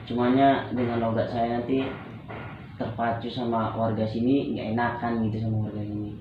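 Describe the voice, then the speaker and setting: Hesitant and prone to repeating phrases, a young Indonesian man with a Medan accent, from Medan in North Sumatra, discusses personal problems as the client in a practice counselling conversation. He speaks at normal speed in a mid-range voice with a level tone. Faint background noise comes through a very echoey, muffled recording.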